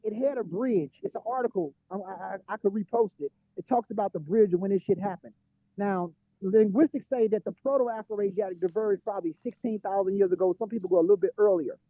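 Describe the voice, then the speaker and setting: A high-pitched man rattles on fast in a casual online panel debate, stumbling into quick restarts. His voice comes through muffled and dull, only the bass left, as if the mic were covered. The sound is dry and close. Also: animated, dry recording. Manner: rapid, repeats words as he restarts. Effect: muffled, dull sound with the bass left and the highs gone. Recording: muffled lo-fi call audio.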